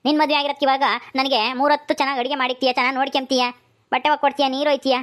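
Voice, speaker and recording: A woman's voice: high voice, little pitch movement, racing, a bit bright. A woman voicing a fond elderly village husband who jokes and soothes his wife. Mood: pleading. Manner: soothing, coaxing, rustic village speech.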